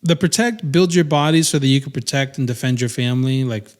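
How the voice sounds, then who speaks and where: Rambling dad chatting on a podcast. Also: male voice, medium pitch, fairly quick. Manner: rambling, many restarts and fillers. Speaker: podcast co-host. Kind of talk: casual chat.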